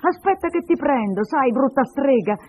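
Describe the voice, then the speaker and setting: A man voicing a thin, poor woman who speaks calmly and plainly, in a husky voice. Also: high voice, brisk, dull audio, voice pushed up, full character voice. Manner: calm, matter-of-fact.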